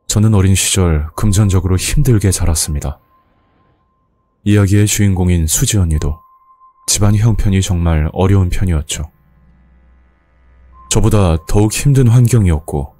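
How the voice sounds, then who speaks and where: Deep, dark-voiced man narrating horror. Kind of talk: scripted first-person story narration.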